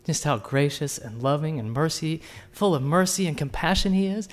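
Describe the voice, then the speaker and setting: A man preaching a sermon, asking the listeners direct questions and swinging between hushed and emphatic delivery. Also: fairly high pitch, expressive, normal speed.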